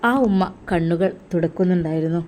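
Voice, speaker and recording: A woman with a Malappuram accent narrating an emotional story in a slow, heartfelt way. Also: on the low side, little pitch movement, a little mellow, a little hiss or hum. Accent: Malappuram Malayalam.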